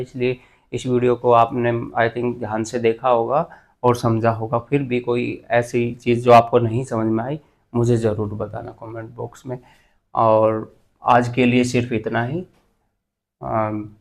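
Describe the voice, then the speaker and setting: Guy teaching a grammar class, keeps asking then answering himself, normal-pitched voice. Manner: explains slowly, asks and answers his own questions. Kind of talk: exam-prep grammar lesson.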